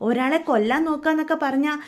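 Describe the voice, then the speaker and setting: A woman's voice: sits high, fast talker, natural voice. A woman doing a frantic, scolding woman. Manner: frantic, reproachful. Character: alarmed woman scolding and panicking.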